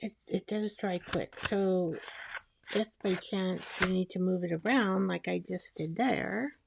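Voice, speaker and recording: A woman chatting casually as she makes a collage, rambling and talking to herself while she glues, her voice soft and sometimes dropping to a whisper. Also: fairly low pitch, measured pace, creaky, slight background noise. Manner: soft-spoken, drifting into whispers. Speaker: collage artist. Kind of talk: casual crafting narration.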